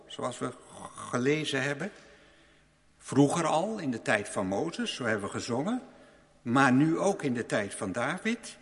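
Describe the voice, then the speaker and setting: A man preaching a sermon in a measured, reflective way, slowing to stress key phrases. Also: medium pitch, in a large hall.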